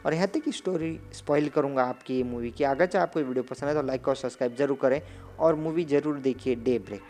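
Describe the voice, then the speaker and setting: Male movie recap narrator, mid-pitched, rambling and casual, soft music underneath. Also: quick pace. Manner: loose rambling retelling with filler phrases.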